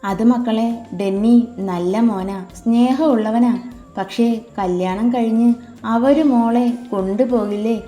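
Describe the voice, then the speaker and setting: A doting elderly mother, fussy and tearful, who scolds affectionately, as a woman narrator puts her on. Her voice sits a little high and mellow. The recording is roomy, with faint music underneath. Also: unhurried, lightly acted. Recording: echoey room with soft music.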